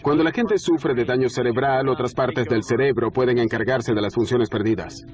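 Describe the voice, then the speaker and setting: A man's voice: mid-range voice, moderate pace, highs cut off, a crowd in the background, natural voice. A man voicing a male scientist explaining things in a dubbed documentary interview, with murmur behind. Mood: explanatory. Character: male brain scientist explaining memory and plasticity.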